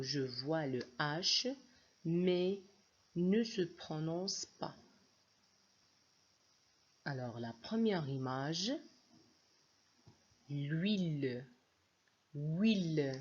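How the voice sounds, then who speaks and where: A woman teaching young children to read in a phonics lesson, spelling each word out letter by letter in a slow, deliberate way. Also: low-pitched, husky, muffled recording. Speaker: reading teacher.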